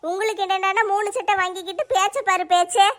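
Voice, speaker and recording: A woman's voice: extremely high pitch, steady tone, quick pace, fairly bright tone. A woman voicing a sulky, quarrelsome housewife who nags indignantly. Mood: nagging. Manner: nagging, indignant.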